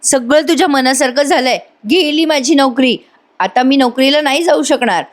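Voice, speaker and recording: A woman reads out a young daughter fed up with her lot, pleading and complaining, voice pitched up a little above her own. It is a TV serial recap read aloud, the voice higher than average, acted only lightly. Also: moderate pace, lightly acted. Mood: upset.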